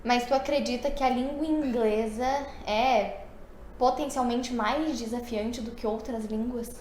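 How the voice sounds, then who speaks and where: A woman's voice: on the high side, fairly even intonation, a little slow, a little mellow. A woman co-hosting a casual podcast, reflecting on points and asking thoughtful follow-up questions. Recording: roomy echo with faint background noise.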